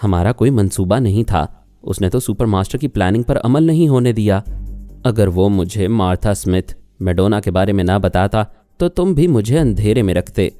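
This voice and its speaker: A man's voice: on the low side, lively intonation, mellow, soft background music, natural voice. A man voicing a jealous young wife who accuses and argues, in an audiobook reading. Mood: accusing. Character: jealous young woman, sharp-tongued wife.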